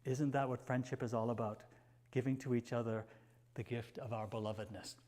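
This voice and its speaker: A male minister preaching a sermon, reading passages aloud, slow and tender on some lines and rising with emphasis on others, sometimes dropping almost to a whisper. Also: medium pitch, flat delivery. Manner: drops to a near whisper at quiet moments.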